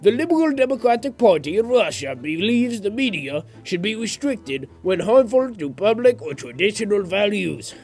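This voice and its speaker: A teen doing a mock-stern Russian presenter. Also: male voice, sits high, very animated, moderate pace, hardly any pauses, a little mellow, faint music behind, heavily acted. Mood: deadpan mock-serious. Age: teens. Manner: clipped broken phrasing, dropped articles. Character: comically stern Russian man presenting politics. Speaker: student presenting a school project. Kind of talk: satirical class presentation.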